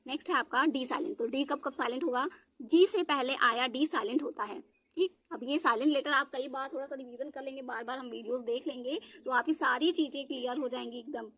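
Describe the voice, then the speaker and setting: A woman's voice: high-pitched, a little fast, fairly bright tone. A woman teacher giving a spelling lesson. She spells words out letter by letter and keeps checking that her students follow. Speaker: English teacher.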